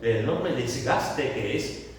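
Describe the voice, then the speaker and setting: A man's voice: medium pitch, animated, slow pace, a little hiss or hum. A man preaching a sermon as pastor, talking emphatically and repeating his key phrases as he builds toward exhortation. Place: church hall. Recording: echoey church hall, voice far off.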